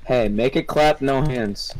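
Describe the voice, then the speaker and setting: A man chatting casually and joking loudly while playing an online game with friends on a headset mic. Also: medium pitch, a little slow, slight background noise, low-quality recording. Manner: animated, jokey, loud bursts. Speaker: gamer. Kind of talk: casual gaming chat with friends.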